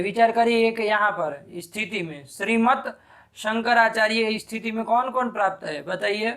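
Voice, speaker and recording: A man teaching Sanskrit grammar in a live class, quizzing his students briskly and scolding them sharply when they answer wrong. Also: extremely high pitch, fairly bright tone.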